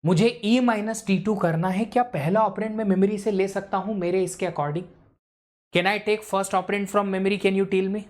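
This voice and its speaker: एक पुरुष शिक्षक लाइव ऑनलाइन कक्षा में पढ़ा रहा है, छात्रों से बार-बार सवाल पूछता है और हिंदी में अंग्रेज़ी मिलाकर बोलता है।. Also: male voice, high voice, steady tone, measured pace. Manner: quizzes students, mixes English into Hindi. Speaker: teacher. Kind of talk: live online lecture.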